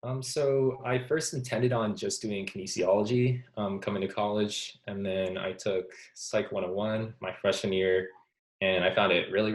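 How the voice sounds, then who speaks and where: Deep-voiced young Canadian man, soft-spoken. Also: rough recording. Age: young adult. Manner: soft-spoken with frequent ums. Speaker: student athlete guest. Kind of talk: casual interview answers.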